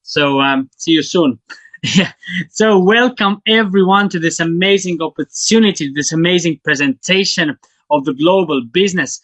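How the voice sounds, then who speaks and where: A man from Estonia, not an English speaker, giving an enthusiastic, halting business presentation to an online audience. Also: fairly bright tone, dry recording. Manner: halting, enthusiastic sales pitch with fillers.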